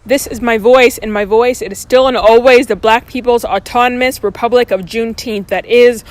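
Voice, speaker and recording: A man in his twenties from Texas, reciting spoken word poetry in a lyrical, measured way. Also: very high-pitched, fairly even intonation. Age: 20s. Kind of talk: performance poetry.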